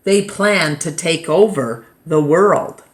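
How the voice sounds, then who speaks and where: With a deep voice, an American woman performs a children's nonfiction read-aloud in the manner of a storytime teacher. She speaks deliberately and leaves pauses between brief phrases.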